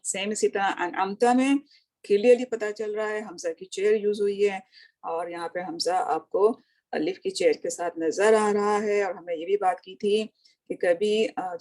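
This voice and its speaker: In a recorded lesson, a woman teaches Arabic grammar line by line, posing questions and answering them herself while mixing English words into her Hindi. Her medium-pitched voice is a little mellow with fairly even intonation, and her recitation is slow and patient, each word drawn out.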